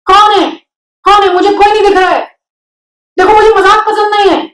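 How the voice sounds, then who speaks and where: Wilbur, a woman doing an excitable young pig. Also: very high-pitched, moderate pace, pitched above the performer's own voice. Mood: puzzled. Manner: loud, pleading, exclaims a lot. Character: young male pig, lonely, eager and excitable. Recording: roomy echo.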